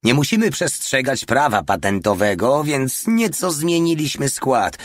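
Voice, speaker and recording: A man's voice: medium pitch, very animated, measured pace, no room sound, clean studio sound, voice pushed up. A man voicing a brash, crude soldier who boasts gleefully in an audiobook reading. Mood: boastful. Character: brash jokey male soldier, grown man. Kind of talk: audiobook character voice.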